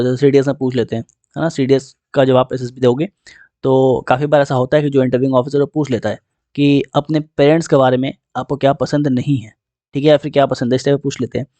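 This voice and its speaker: A man of middle pitch lecturing exam aspirants at an easy, unhurried pace. He keeps checking in with short tags and mixes English into his speech. The recording is dry and close, with no room sound. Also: mellow, no echo. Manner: repeats "theek hai" and "right" as he talks. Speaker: exam coaching teacher.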